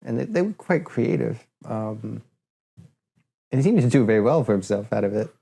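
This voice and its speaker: A man guesting on a podcast as a comedian, with a mellow, dark tone and a gravelly fry. His talk is halting and full of fillers. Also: mid-range voice, lively intonation. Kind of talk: casual chat.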